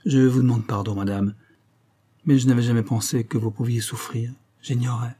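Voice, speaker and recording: A man voicing a calm, self-sacrificing young woman, in a measured, earnest way. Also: medium pitch, husky, close to an everyday voice.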